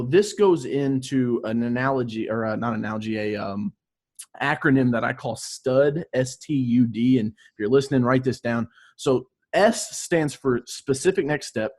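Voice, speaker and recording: A man with a slightly husky voice explaining sales advice as an interview guest, informal and emphatic, with salty slang. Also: mid-range voice.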